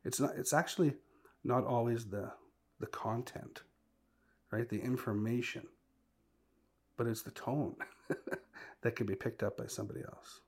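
Podcast host guy, kinda husky voice, chatty, laughs a lot, lots of uh and restarts. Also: mid-range voice, a little slow, pauses often, darkish tone. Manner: thinking aloud with fillers and restarts, laughs easily. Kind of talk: casual podcast chat.

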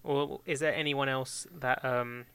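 A man's voice: medium pitch, fairly even intonation, measured pace, sharp tone, clear, resonant tone. A man co-hosting a podcast in a casual, rambling chat, swearing and laughing often. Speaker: podcast co-host.

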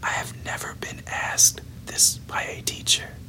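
A podcast host reading a novel aloud entirely in a hushed, unvoiced whisper, delivering the passages evenly. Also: poor audio. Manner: slow, hushed, even delivery of book passages.

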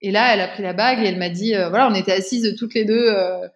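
A woman's voice: medium pitch, fairly even intonation, quick pace. A woman, a guest in an interview, telling a personal story casually, with many fillers and restarts.

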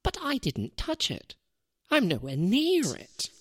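A woman's voice: medium pitch, wildly swooping pitch, takes it slowly, husky, no room sound, clean studio sound, full character voice. A woman playing a self-important, paranoid woman author in a comedy radio parody. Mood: alarmed. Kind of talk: comedy radio sketch acting, celebrity parody.

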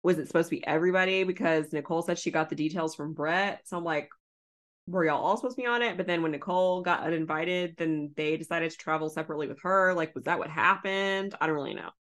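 A woman's voice: quick pace, hardly any pauses. A woman co-hosting a podcast, chatting casually and animatedly about a reality show, swearing often and acting out the cast's lines. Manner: animated, swearing, acts out quotes with rising pitch. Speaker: podcast co-host. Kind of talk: casual reality TV recap chat.

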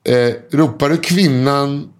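Man, podcast host telling stories, rambling and full of fillers. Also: medium pitch. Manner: rambling, lots of hesitation fillers and restarts. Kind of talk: casual storytelling chat.

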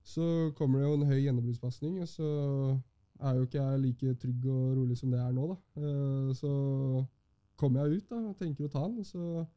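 A man in his twenties, a football goalkeeper, answering interview questions in a calm, measured way with many fillers. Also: medium pitch. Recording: dull lo-fi sound.

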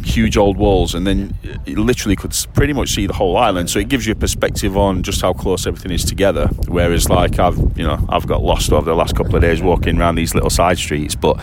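A man with a low voice hosts a relaxed conversation. His phrasing is loose and hesitant, and clear outdoor traffic noise sits around the voice. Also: fast, few pauses. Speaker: interviewer and host. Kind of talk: casual chat. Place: outdoors by the sea.

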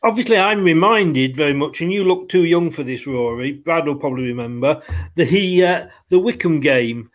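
A chatty man with a notably high voice hosts a football fan call-in. He talks casually and tends toward the apologetic, like someone talking among fellow fans. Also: animated, moderate pace.

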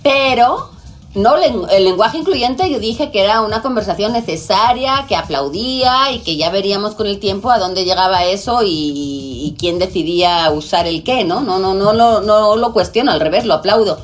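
A woman's voice: mid-range voice, normal speed. Lisping Castilian Spanish woman, outspoken. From Spain. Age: 40s. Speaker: guest, television presenter. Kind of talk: casual conversation.

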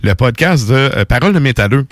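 A man's voice: mid-range voice, a little fast, no room sound. A man with a Québécois accent co-hosting a podcast, telling stories in casual, colloquial chat full of fillers. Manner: animated, colloquial storytelling with frequent fillers. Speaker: podcast co-host.

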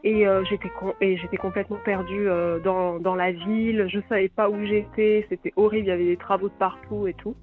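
A young woman from France telling a bad-date story in a chatty way, full of fillers and laughs, on a voicemail message. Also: on the low side. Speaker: listener sharing a story by voicemail. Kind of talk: casual storytelling. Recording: tinny phone voicemail line.

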